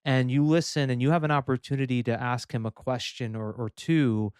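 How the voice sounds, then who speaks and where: A man's voice: medium pitch, fairly even intonation, clean tone, no echo, clean studio sound. A man hosting a podcast interview, asking long, affirming questions and wrapping up with plugs. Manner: warm, affirming, drawn-out questions. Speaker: podcast host.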